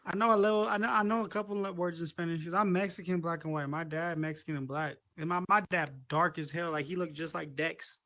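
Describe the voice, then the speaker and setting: A man's voice: a little high, fairly even intonation, quick pace, few pauses, bright, forceful tone, no room sound. An American man chatting casually, slangy and profane, repeating himself as he goes. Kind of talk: casual chat.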